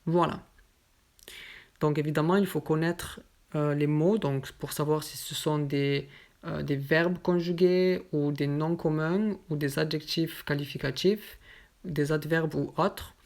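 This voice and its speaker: A woman with a low voice teaches pronunciation at an unhurried pace. She explains each example patiently and says the words slowly and carefully. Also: fairly even intonation, darkish tone. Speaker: French teacher. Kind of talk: slow explanatory lesson.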